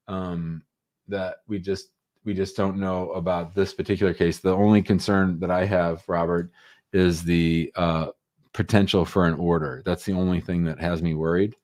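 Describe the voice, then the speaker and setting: Taking calls on immigration law, this male host keeps things casual, giving brief, informal answers meant to reassure. His voice is low and a little mellow, his delivery flat, his pace a little slow.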